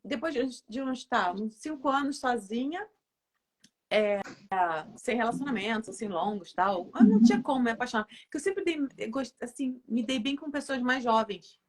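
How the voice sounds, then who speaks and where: A woman telling a personal story as a guest in a casual, spiritual chat. She talks in an animated way and laughs often. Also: a little high, normal speed.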